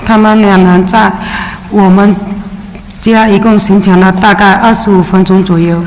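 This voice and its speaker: Speaking in a medium pitch, a woman from China, a Chinese immigrant and native Mandarin speaker, testifies as a witness before a city council. She reads her statement steadily and deliberately, pausing briefly now and then. The recording carries the echo and faint ambience of a large public hearing chamber.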